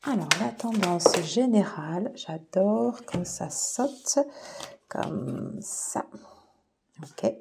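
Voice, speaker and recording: A woman giving a casual tarot reading to her viewers, soft-spoken and peppered with fillers like "voilà" and "alors". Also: mid-range voice, lively intonation, extremely slow, gravelly, heavy background noise. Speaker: tarot reader.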